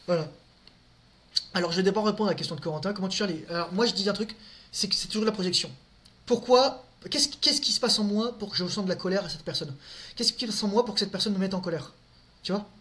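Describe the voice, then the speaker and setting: High-voiced man in loose, crude chat. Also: fast, fairly bright tone. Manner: crude slang, repeats words, talks to his audience directly. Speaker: streamer answering viewers' questions. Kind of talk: casual live chat.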